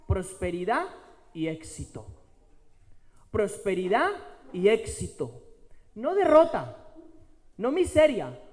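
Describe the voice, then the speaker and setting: A man preaching a sermon, slowing down and stretching key words for emphasis and repeating phrases. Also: high voice, in a large hall.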